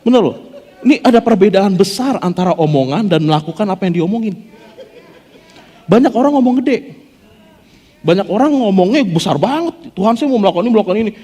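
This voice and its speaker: A man's voice: high voice, fairly quick, pauses often, a faint crowd. A man preaching a casual, joking sermon as a pastor, acting out quotes as he goes. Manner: animated, jokey, acts out quotes. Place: church hall. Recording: long hall reverb.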